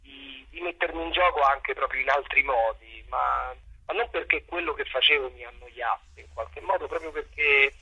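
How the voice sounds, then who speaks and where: The audio is dull, and the voice belongs to a middle-aged man with a bright, forceful, slightly rough tone at medium pitch and moderate pace. He's being interviewed as a guest theatre director, speaking conversationally in a hesitant, reflective way and repeating words while searching for phrasing.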